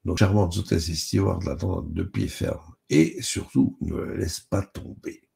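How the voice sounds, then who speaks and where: Man doing a jovial master chef, teasing, mock-stern, low dark voice, storybook. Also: unhurried, vocal fry, heavily acted. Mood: genial.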